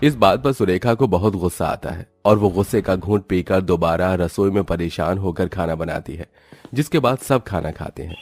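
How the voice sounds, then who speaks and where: Male storyteller, very deep, dry studio read, steady narration for a cartoon. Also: no room sound.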